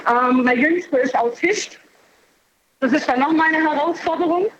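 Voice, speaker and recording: A woman in her thirties phones in through a bluetooth headset, her very high voice coming over a dull, muffled line. Loud machinery noise from her workplace runs behind her plain, matter-of-fact answers. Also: normal speed. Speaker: caller. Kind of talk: casual phone call to a radio show. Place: noisy parcel sorting center at work.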